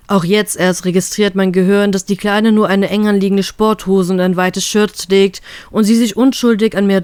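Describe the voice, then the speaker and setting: A woman reading a fan story aloud in steady first-person narration. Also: mid-range voice, clear, resonant tone, no room sound. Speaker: fanfiction reader.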